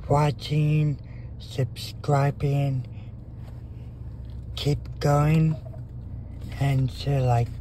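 A man talks to his phone camera while walking outside and then sitting in a car, very slowly and with a mellow, dark tone. He stops often, filling gaps with ums and restarting his sentences. Faint noise sits behind his voice. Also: a little high, level tone, poor audio. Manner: halting, many fillers and restarts. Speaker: vlogger. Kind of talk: casual vlog talk. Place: outdoors on a suburban sidewalk, then in a car. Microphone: phone held in hand.

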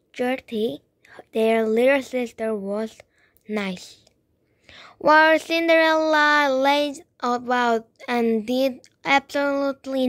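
Woman storyteller, very slow, high voice, dry close sound. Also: dry recording. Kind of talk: children's read-aloud narration.

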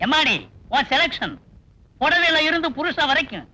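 A man's voice: very high voice, expressive, moderate pace, very noisy. An actor playing an easygoing, witty father who teases his daughter's suitor, delivered as 1980s film dialogue. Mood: wry. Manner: teasing, wry, fatherly. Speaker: father of the heroine. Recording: film soundtrack with music underneath.

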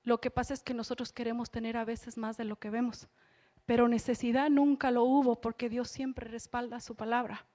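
A woman's voice: on the high side, little pitch movement, a little fast, mellow. A woman, preaching a church sermon in an earnest way and repeating phrases for emphasis. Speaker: lay preacher. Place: church service.

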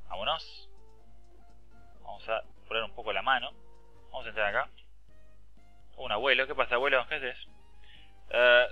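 A man's voice: mid-range voice, pushed and bright, no echo. A man with an Argentine accent giving casual game commentary, reading game text aloud, ranting and swearing freely. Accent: Argentine Spanish. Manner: chatty, swears often, reads game text aloud, rants. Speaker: gameplay commentator. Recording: dull lo-fi dry sound.

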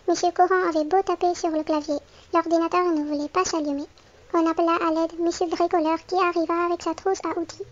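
A woman reads a children's picture book aloud, with a very high, light voice. She tells it clearly and expressively, as if to a small child. The recording sounds dull and lo-fi. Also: level tone, brisk. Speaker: storybook reader.

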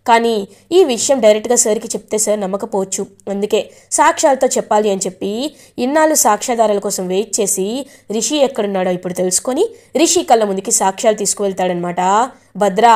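A woman's voice: mid-range voice, dark tone. A woman casually narrating a recap of a TV serial in a chatty, repetitive way. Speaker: storyteller.

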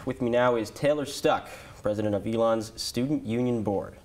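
A man's voice: mid-range voice, normal speed, darkish tone. A young man hosting a casual college interview show, nasal from a cold and tripping over his words. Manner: chatty, stumbling restarts. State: under the weather, nasal from a cold. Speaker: show host.

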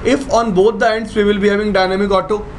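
A man's voice: high voice, level tone, quick pace, noisy background. A man with a North Indian accent giving a classroom technical lecture, repeating questions and often checking that learners follow. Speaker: networking instructor. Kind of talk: classroom lecture with on-screen demonstration.

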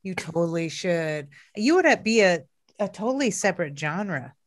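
Bubbly woman co-host, lively voice. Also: lowish voice, moderate pace. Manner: bubbly and enthusiastic, laughs often, says "totally" and "seriously". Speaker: podcast co-host. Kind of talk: casual podcast chat.

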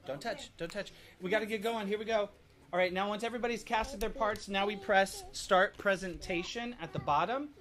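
A middle-aged father with a high-pitched, fairly quick voice, at home in a casual instructional family vlog. He leads a family activity and app demonstration, directing everyone and explaining each step as he goes.

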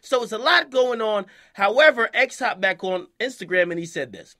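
Young male online commentator; high, piercing voice; slangy, animated, keeps checking in with "okay?". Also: moderate pace. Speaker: hip-hop news commentator. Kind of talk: casual commentary to camera.

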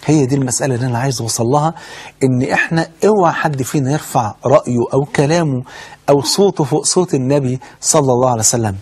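Egyptian male preacher, husky voice, very fast fervent sermon delivery. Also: medium pitch, a little mellow. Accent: Egyptian Arabic. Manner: fervent, with rhetorical questions and oaths.

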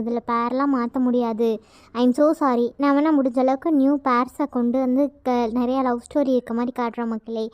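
Chatty young woman with high voice. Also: clean tone, no echo. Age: young adult. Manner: chatty, apologetic. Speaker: cartoon creator. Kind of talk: casual update to viewers. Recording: dull lo-fi sound.

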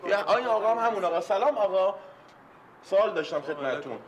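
An actor playing a polite visitor at an office who grows insistent and starts shouting in a queue, in a TV sitcom. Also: male voice, sits high, expressive, crowd noise. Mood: pleading. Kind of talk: sitcom acting. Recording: TV soundtrack with music underneath.

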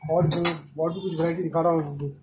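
A man in his thirties, a garment wholesaler, shows off clothing stock on camera in a small indoor clothing shop, using salesman's patter sprinkled with English words. His voice is fairly high and steady, and he talks a little fast. The shop audio is clearly noisy, with clicks.

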